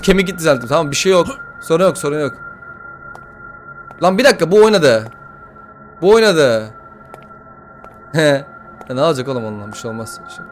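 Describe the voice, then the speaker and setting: A young man playing a horror game, swearing, joking and yelling at the game as he comments. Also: a little high. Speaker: gaming YouTuber.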